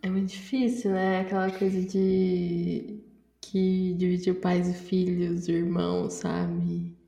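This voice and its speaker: A woman's voice: on the low side, little pitch movement, takes it slowly, vocal fry, mellow, reverberant. A woman from Brazil hosting a podcast, talking reflectively in casual chat and trailing off with tag questions.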